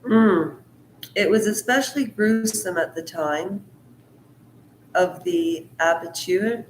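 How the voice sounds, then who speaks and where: This medium-pitched woman mixes book reading with casual commentary on her channel, pausing frequently to ramble in her own asides. She reads at a slow, measured pace, and the poor recording has a roomy sound with slight background noise.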